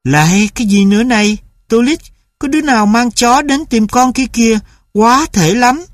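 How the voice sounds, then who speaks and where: A man's voice: extremely high pitch, expressive, moderate pace, dry recording, clean studio sound, pitched above the performer's own voice. A man voicing a stern, impatient mother who scolds her husband and son. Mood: scolding.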